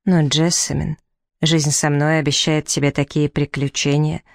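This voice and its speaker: A woman's voice: low voice, little pitch movement, normal speed, no room sound, clean studio sound. A woman reading as a roguish ironic nobleman. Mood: mocking. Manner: smooth, mocking irony. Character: charming roguish nobleman, ironic former thief.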